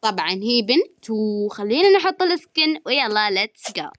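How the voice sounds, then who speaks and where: A woman's voice: on the high side, very animated, normal speed, dry recording. Chatty young-sounding woman. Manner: chatty, giggly, trails off searching for words. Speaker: gaming channel host. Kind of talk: casual gaming commentary.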